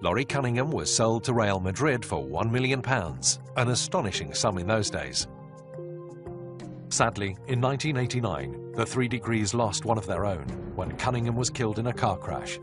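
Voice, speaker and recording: A male narrator reads documentary lines in a lowish, even voice. Guitar music runs clearly underneath. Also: moderate pace. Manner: even, informative.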